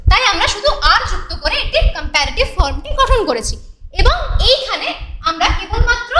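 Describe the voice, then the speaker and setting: A woman's voice: extremely high pitch, bright, forceful tone. A woman teaching an English grammar lesson to students, explaining rules patiently step by step and asking the class questions. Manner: reads English example sentences slowly. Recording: echoey room with faint noise.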